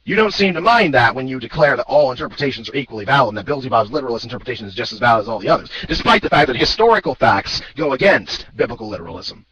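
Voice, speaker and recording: Fast-talking, pedantic arguing man. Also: mid-range voice, sing-song, fairly bright tone, breathy edge, highs cut off. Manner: rapid, pedantic, lecturing. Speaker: critic in a video debate. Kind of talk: argumentative rebuttal video.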